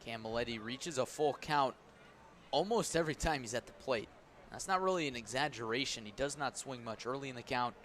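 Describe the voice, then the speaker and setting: A man calls a baseball game live on radio at a slightly quick clip, his voice a bit bright, describing the play and punching up the big moments. His delivery is descriptive, rising and stressing with each pitch. Clear outdoor ballpark ambience sits behind him.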